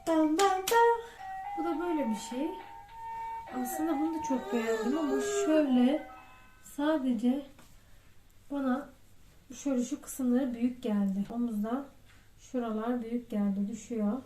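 A woman's voice: fairly high pitch, moderate pace, long pauses, over music. A woman vlogging a casual clothing try-on, chatty and thinking aloud as she weighs each piece. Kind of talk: casual try-on haul vlog. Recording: echoey room with faint noise.

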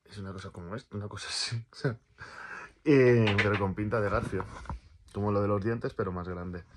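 Low-voiced rambling man. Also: steady tone, a little fast, noisy background. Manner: rambling, repeats words, swears casually. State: in pain from a torn calf. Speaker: vlogger. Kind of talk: casual personal vlog.

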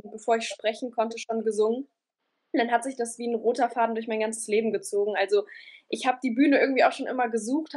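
Lively young woman, bright high voice. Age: young adult. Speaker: band member guest. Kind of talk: video call interview. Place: room at home. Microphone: video call.

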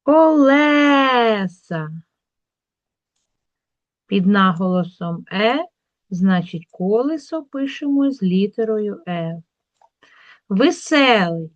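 A woman teacher working through a school workbook, drawing words out slowly to show where the stress falls. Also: medium pitch, dry recording, dull audio. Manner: slow, drawn-out word demonstrations.

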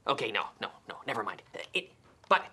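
A woman presenting an English lesson segment, playful, often laughing and repeating phrases slowly. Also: extremely low pitch, big pitch swings, pushed and bright, a little hiss or hum. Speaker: English teacher.

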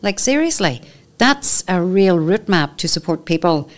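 Northern Irish woman, 50s, slightly low-pitched, earnest and emphatic interview guest. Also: big pitch swings, measured pace. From Northern Ireland. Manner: earnest, emphatic, repeats key phrases. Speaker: podcast guest, menopause educator. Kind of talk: candid conversational interview. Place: studio set with armchairs. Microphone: boom microphone on stand.

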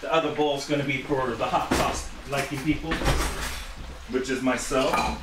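In a home kitchen, a vlog host with a mid-range, fairly even voice narrates his cooking at normal speed in short, playful, offhand phrases. The distant mic makes it sound roomy, and loud kitchen noise of frying and clattering dishes and cutlery fills the background.

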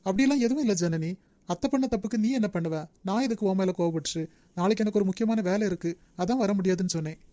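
A withdrawn young cartoon man, voiced by a woman, curt and reserved in a Nagercoil Tamil accent. The tone is mellow and the talk moves fast. It sounds dry and close. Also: medium pitch, no echo, natural voice. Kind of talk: cartoon voice acting.

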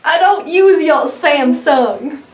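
A woman's voice: sits high, expressive, slow. A young woman operating the camera in a small home bathroom, teasing and giggling through casual chat.

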